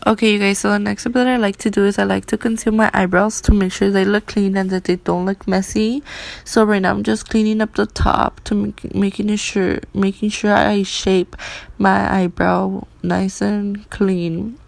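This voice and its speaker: A woman's voice: medium pitch, flat delivery, normal speed, creaky, no room sound. A young woman casually narrating a makeup tutorial as a beauty vlogger, speaking with her mouth held slightly open around braces.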